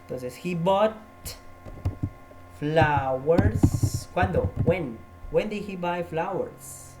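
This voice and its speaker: Man, patient tutorial teacher, slow and deliberate, drills words by repeating them. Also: fairly high pitch, animated, over loud music. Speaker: English teacher. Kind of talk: recorded tutorial lesson.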